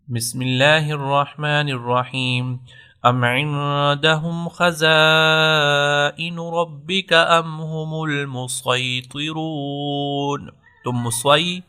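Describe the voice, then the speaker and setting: A man's voice: mid-range voice, sharp tone. A man teaching tajweed patiently, explaining each point step by step and repeating key rules. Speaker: Quran recitation teacher. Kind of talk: tajweed lesson with slow recited examples.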